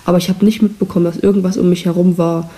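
Racing through her words in a flat delivery, a teenage girl chats casually on her own podcast, rambling and putting herself down. Her tone is dark and her pitch fairly low, and the cheap microphone adds audible hiss.

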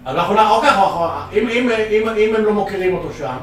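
High-voiced guy hosting a podcast from home, super animated, yells when excited, echoey room, mic kinda far. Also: slight background noise. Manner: animated, bursts into excited shouts. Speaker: podcast co-host. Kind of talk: casual chat while playing a video game.

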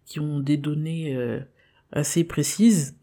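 Young woman podcast host, mellow tone, earnest and thoughtful, pausing often to find words. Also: low voice, steady tone. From Congolese descent. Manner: thoughtful, earnest, with frequent hesitations. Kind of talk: personal monologue.

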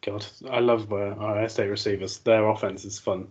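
A man's voice: fairly low pitch, little pitch movement, normal speed, darkish tone, husky, dull audio. A man hosting a casual sports podcast, chatty and full of fillers as he asks questions. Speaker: podcast host.

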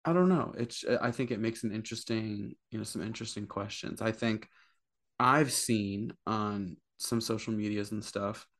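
A man in his thirties co-hosting a podcast, thinking out loud with lots of hesitations and restarts. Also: lowish voice, normal speed. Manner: hesitant, searching for words, curious. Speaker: podcast co-host. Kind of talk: casual chat.

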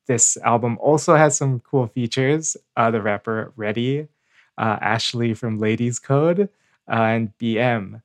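A man's voice: mid-range voice, no echo. Guy hosting a podcast, lots of ums and uhs, dry close sound. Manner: hesitant, many fillers and restarts. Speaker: podcast co-host. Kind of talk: casual podcast chat.

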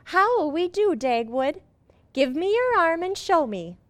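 An actress playing a sweet, excitable young housewife with a wholesome, earnest manner in a radio comedy. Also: female voice, very high-pitched, slow pace, dry recording, full character voice. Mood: fond. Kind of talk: old-fashioned radio comedy acting.

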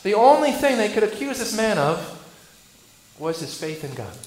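A male Lutheran pastor preaching a sermon. He asks rhetorical questions and swings between loud bursts and hushed lines. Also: high voice, very animated, normal speed, reverberant, rough recording.

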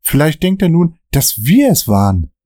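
A man voicing a frantic, high-strung young waiter who swears when scared, in a read-aloud story. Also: big pitch swings, moderate pace, warm tone, no room sound, clean studio sound. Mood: anxious. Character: panicky young male waiter friend.

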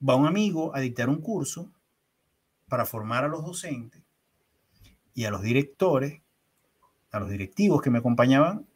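A Venezuelan man, the interview guest, answering in a measured, reflective way with pauses and fillers. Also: medium pitch, lively intonation, husky.

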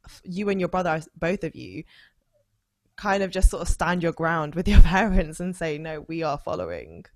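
A woman's voice: on the low side, expressive, normal speed, dry recording. A woman in her late twenties from the UK, hosting a podcast and asking long, winding questions full of "sort of". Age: late 20s. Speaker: podcast host. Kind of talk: podcast interview.

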